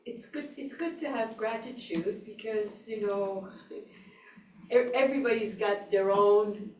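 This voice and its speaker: Woman talking slowly and thoughtfully at church, echoey room, mic far away. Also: medium pitch, a little hiss or hum. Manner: thoughtful, slow, gentle laughs. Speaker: congregation member sharing. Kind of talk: casual group sharing.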